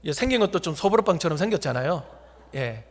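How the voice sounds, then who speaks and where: A man preaching. He spins a humorous story and talks straight to the congregation. His voice runs notably high. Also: animated, quick pace. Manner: jokey, talks directly to the congregation. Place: church sanctuary.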